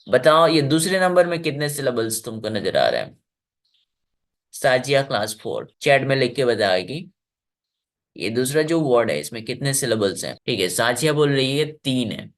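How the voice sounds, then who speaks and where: A man teaching an online English class to children, encouraging them and stretching out words to demonstrate sounds. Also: medium pitch. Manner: encouraging, drawn-out word demonstrations.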